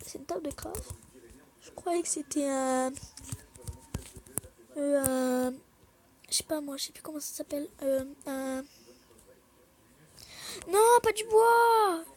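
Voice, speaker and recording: Woman chatting over her gameplay, high voice, rambly, keeps whispering little asides. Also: slight background noise, rough recording. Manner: apologetic, chatty with viewers. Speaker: gaming video creator. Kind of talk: casual gameplay commentary.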